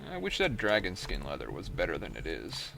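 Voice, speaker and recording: A man's voice: sits low, huge pitch swings, fairly quick, vocal fry, over music. A man giving casual, goofy, self-amused commentary while playing a video game. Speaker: let's play host.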